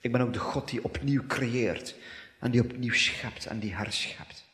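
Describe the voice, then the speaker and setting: A man preaching and praying fervently, with repeated phrases that swell into loud declarations and stretches of speaking in tongues. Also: mid-range voice, normal speed. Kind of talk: prophetic sermon and prayer. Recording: long echoing hall reverb.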